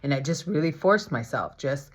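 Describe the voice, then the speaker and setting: A woman vlogger telling her own story casually, animated and confessional, acting out what others said. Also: sits low, moderate pace. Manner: animated, confessional, acts out quoted speech. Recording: slightly dull lo-fi sound.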